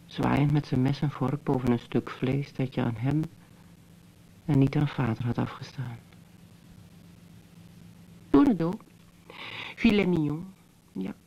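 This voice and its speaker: An actor playing a bitter, teasing brother who muses to his sister in a slow, mocking monologue, in old radio drama style. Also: mid-range voice, fairly even intonation, creaky, dark tone, lo-fi sound, a little hiss or hum, lightly acted. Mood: musing. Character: wry, bitter adult brother, teasing yet tender. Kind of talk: 1970s Dutch radio drama acting.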